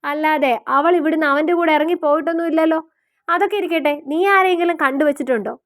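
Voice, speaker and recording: A woman voicing an older, sharp-tongued mother who scolds and defends her son. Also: high-pitched, fast, dry recording, studio quality, lightly acted. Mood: indignant. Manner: indignant, scolding.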